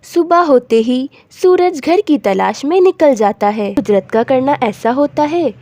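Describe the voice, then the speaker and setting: A woman narrating a cartoon story in a plain, even storytelling voice. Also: high-pitched, a little slow.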